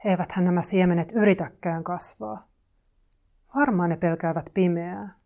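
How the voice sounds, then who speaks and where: A woman voicing a fretful, impatient little toad in a storybook, reading its lines aloud and shouting at its seeds. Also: lowish voice, steady tone, close to an everyday voice. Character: fretful impatient toad or frog, small, anxious.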